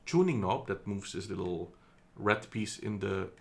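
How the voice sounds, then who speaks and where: A Dutch man gives a casual product review in a lowish, expressive voice with vocal fry, speaking unhurriedly. He's chatty and hesitant, full of ums and self-corrections. It's recorded indoors on a phone camera.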